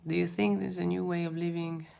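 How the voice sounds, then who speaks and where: A young Hungarian woman, speaking English as a second language, answers viewer questions as an artist during a casual livestream Q&A. Her fairly low, gravelly voice stays level and moves briskly, though she's hesitant, restarting often and laughing softly.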